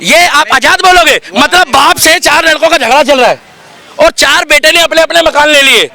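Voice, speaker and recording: A man giving his opinion in a heated street debate, forceful and argumentative, talking over others. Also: very high-pitched, normal speed, vocal fry. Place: busy city street outdoors.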